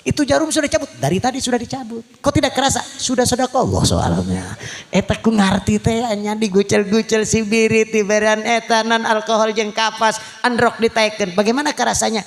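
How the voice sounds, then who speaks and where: A man with a Sundanese accent preaching a comic sermon, acting out characters with shouted lines and quiet asides. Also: high-pitched, brisk. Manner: switches between Sundanese and Indonesian.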